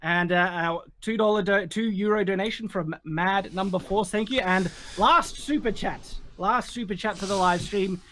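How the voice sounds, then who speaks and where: A man with a high, light voice hosts a relaxed live stream and laughs often between viewer messages. Faint clicking sits in the background. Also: normal speed, few pauses, slight background noise. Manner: laughs often, reads super chats aloud. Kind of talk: casual live stream chat.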